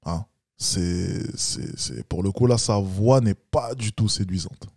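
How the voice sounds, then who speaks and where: A man's voice: slow pace, creaky, a little mellow, no echo, studio quality. A man giving blunt, lecturing reaction commentary as a dating coach. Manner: blunt, lecturing, mocks with high-pitched imitations.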